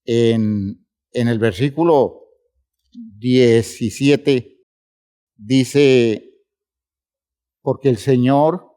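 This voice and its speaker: Slow, emphatic male preacher. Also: medium pitch, dark tone, smooth. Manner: emphatic preaching, addresses listeners as brothers. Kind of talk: sermon.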